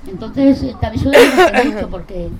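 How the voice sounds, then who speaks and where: A woman's voice: high-pitched, big pitch swings, moderate pace, a crowd in the background. A middle-aged woman from Spain speaking earnestly and bluntly at a public talk, swearing casually. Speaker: panel speaker, mother of drug-affected children's group. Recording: noisy live talk recording.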